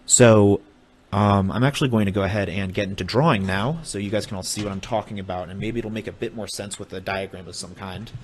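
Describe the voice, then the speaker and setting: A young man casually explaining a technical topic on a stream, halting with restarts as he draws diagrams. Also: on the low side, slight background noise. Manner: halting, many fillers and restarts while drawing. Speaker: streamer explaining hardware hacking.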